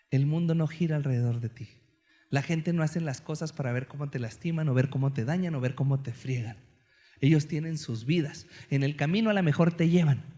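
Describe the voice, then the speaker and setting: A man in his thirties with a Mexican accent, preaching a sermon as an animated, joking storyteller. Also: fairly high pitch.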